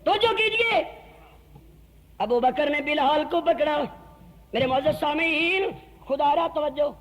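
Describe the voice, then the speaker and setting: Brief Male preacher, strong Punjabi accent, very high voice, fiery oratory with sung couplets. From Pakistan. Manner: fiery oratory that moves into sung verse and shouting; mixes folksy jokes with solemn appeals. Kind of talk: sermon. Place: mosque.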